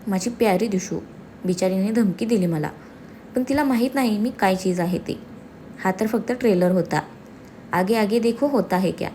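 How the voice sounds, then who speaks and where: A woman's voice: medium pitch, normal speed, warm tone, a little hiss or hum, natural voice. A woman voicing a smug, cruel young man who gloats and taunts. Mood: gloating.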